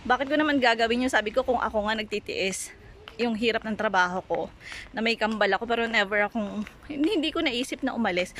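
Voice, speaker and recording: A chatty woman from the Philippines tells a story straight to her viewers in a casual vlog. Her voice sits a little high, and she keeps calling them guys as she retells conversations. Faint background noise runs underneath. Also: fairly bright tone. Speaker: vlogger. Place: Greece.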